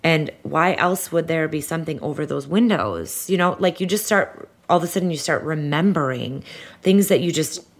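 A woman's voice: low voice, expressive, normal speed. A woman interviewee recounting a personal story candidly, acting out her own past words.

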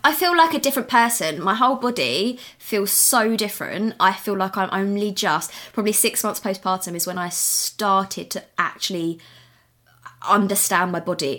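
A woman in her twenties, a new mum talking openly and with animation as a podcast guest. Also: medium pitch. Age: 20s. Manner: open, animated, quick with asides. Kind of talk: candid interview chat.

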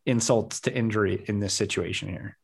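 A man's voice: lowish voice, steady tone, a little fast, vocal fry, breathy edge. A man co-hosting a basketball podcast in casual chat, rambling and second-guessing himself and laughing easily as he talks. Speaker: podcast co-host.

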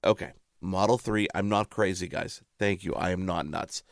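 Low-ish guy radio host just chatting, keeps cutting himself off, dead dry room. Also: moderate pace, no room sound. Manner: chatty, self-interrupting, playful. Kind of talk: casual chat.

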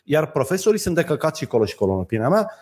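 A man's voice: a little high, very animated, a little mellow. A man co-hosting a casual podcast chat, blunt and crude, arguing his points plainly. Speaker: podcast co-host.

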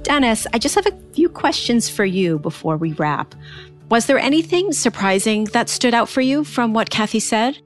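A woman's voice: on the high side, sing-song, moderate pace, soft background music. A woman speaking as a podcast host in a conversational interviewing style.

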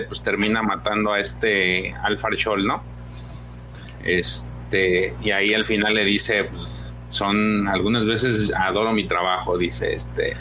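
A man's voice: fairly low pitch, bright, forceful tone, slight background noise. A man co-hosting a comics podcast, recapping a story in casual chat with many fillers and acted-out lines. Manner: hesitant, many fillers, acts out dialogue.

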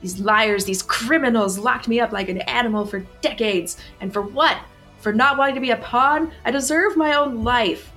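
A woman's voice: sits high, sing-song, moderate pace, few pauses, soft background music, pitched above the performer's own voice. A woman voicing a bitter tall male consort who rages at his captors. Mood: bitter, indignant. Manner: shouting, spitting accusations.

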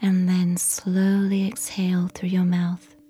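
Female narrator, soft ASMR whisper for a sleep story, slow and mellow, a bit breathy. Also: lowish voice, completely flat delivery, faint music behind.

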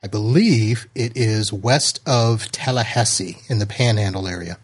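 A man's voice: lowish voice, unhurried, breathy edge. A man from Florida hosting a casual podcast, chatty and often laughing as he reads. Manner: chatty, laughs while reading. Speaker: podcast host.

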